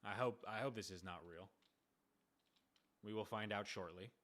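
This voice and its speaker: A young man live-streaming, chatting casually with viewers in an excitable way, repeating himself and firing off rapid shout-outs. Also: lowish voice, a little hiss or hum. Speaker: livestreamer doing prank calls.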